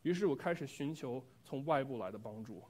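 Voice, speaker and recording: A man's voice: medium pitch, lively intonation, brisk, a little mellow. Male preacher, mid-range voice, earnest and reflective, delivering a sermon with personal testimony and direct questions to the congregation.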